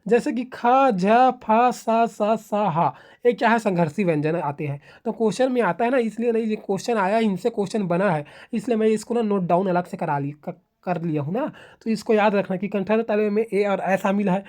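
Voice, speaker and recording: A woman's voice: medium pitch, brisk, few pauses, mellow. A woman teaching a grammar lesson, sounding out syllables one by one and often asking herself rhetorical questions before she answers them. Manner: ends points with a checking "okay". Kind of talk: spoken classroom lecture.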